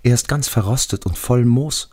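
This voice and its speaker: A man's voice: mid-range voice, moderate pace, a little mellow, husky, voice pushed up, lightly acted. A man voicing the timid, anxious ghost of a young soldier who pleads and repeats himself. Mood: hushed. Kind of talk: audiobook character voice.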